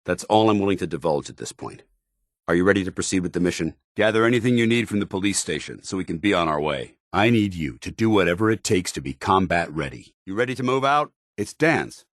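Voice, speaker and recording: An actor playing a stern, duty-bound paladin soldier in a video game, gruff, commanding and formal in his military phrasing. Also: low voice, no room sound, clean studio sound. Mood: indignant. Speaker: military companion character.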